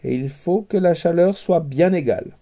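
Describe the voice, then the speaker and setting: A man's voice: on the high side, moderate pace, natural voice. A man reading a storybook, voicing a haughty young princess who mocks and orders people about. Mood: imperious. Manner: sharp, commanding, teasing.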